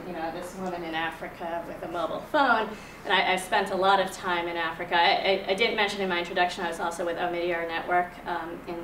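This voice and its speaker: A Kenyan woman in her forties, a venture investor, gives a conference presentation in a meeting room in front of a projector screen, speaking in a somewhat low, conversational voice full of ums and restarts. A room mic on a distant camera picks her up from far away, so the room echoes and background hum is clearly audible.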